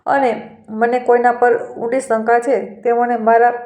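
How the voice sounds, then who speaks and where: A woman's voice: on the high side, flat delivery, unhurried, echoey room, close to an everyday voice. Scornful rich daughter-in-law, read by a woman. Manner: scornful, sharp-tongued. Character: cruel haughty rich young daughter-in-law.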